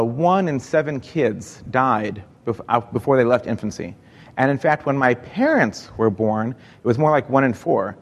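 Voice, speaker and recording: A man in his forties, originally from Egypt, gives an upbeat keynote talk on stage and quizzes the audience as he goes. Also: mid-range voice. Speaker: conference speaker. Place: large hall. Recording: reverberant hall, live event.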